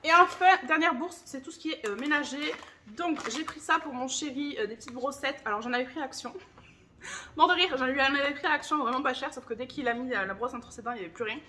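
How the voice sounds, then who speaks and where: A chatty woman in her thirties with a high, bright voice talks through her grocery haul. She sounds enthusiastic and confiding. A faint hiss sits under the recording. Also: fast. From France. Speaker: vlogger. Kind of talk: casual grocery haul chat.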